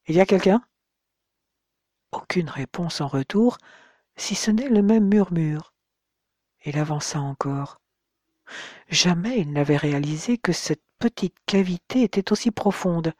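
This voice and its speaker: An audiobook narrator reading a novel in a steady, measured storytelling manner. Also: medium pitch, no room sound, clean studio sound. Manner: steady, measured storytelling with slowed suspense moments.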